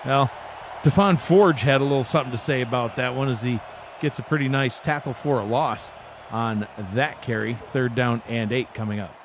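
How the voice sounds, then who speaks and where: A man doing relaxed play-by-play commentary for a simulated football broadcast, joking along and rising in excitement on big plays. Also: mid-range voice, moderate pace, background noise. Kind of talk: sports commentary.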